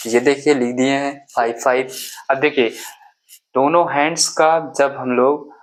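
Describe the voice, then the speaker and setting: A male teacher giving a patient math lesson to young children. He repeats small checks and counts slowly step by step. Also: mid-range voice, steady tone, low-quality recording. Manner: patient, repeats "ठीक है" and "देखिए" often.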